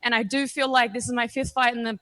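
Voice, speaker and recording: Confident young Australian woman, slightly high voice. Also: little pitch movement, fast talker, sharp tone. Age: 20s. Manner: confident, candid, casual with frequent ums. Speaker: professional MMA fighter. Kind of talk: post-fight press interview.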